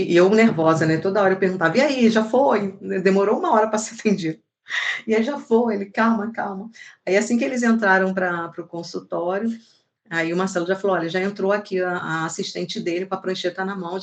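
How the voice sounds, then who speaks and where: A woman with a Brazilian accent, a mother telling a personal testimony in an animated way and acting out the dialogue she quotes. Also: mid-range voice.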